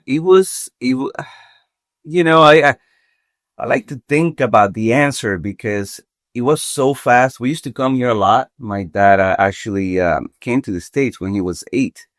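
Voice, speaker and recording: A man in his forties, a Venezuelan contractor, appears as a podcast guest and thinks things through aloud, haltingly and thoughtfully, with many restarts in casual interview conversation. His medium-pitched voice is studio quality, free of room sound.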